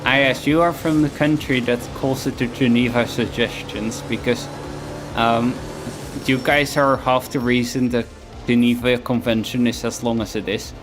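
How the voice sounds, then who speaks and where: A male streamer chats casually at home while he plays, his voice sitting in a middle register. He rambles and mocks himself, often trailing off mid-thought, with game music running clearly beneath him. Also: mid-range voice, fairly even intonation, normal speed. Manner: rambling, self-mocking, trailing off. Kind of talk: casual chat while gaming.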